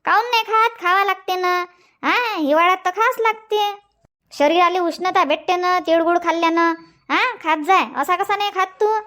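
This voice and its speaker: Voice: extremely high pitch, normal speed, sharp tone. An actor voicing a fussy, nagging village grandmother in a cartoon comedy, speaking with a Vidarbha Marathi accent and repeating her questions as she chides. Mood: coaxing.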